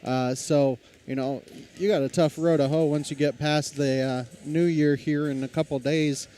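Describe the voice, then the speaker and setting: A man announcing a high school basketball game play-by-play, talking in a casual, conversational way. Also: fairly even intonation, moderate pace, warm tone, a little hiss or hum. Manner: conversational, reads lineups, self-deprecating.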